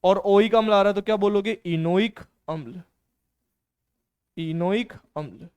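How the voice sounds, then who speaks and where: A man's voice: high voice, unhurried, a little mellow, clean tone. A male chemistry teacher lecturing in a casual, encouraging classroom style. He keeps asking students questions and answering them himself, often calling them "beta".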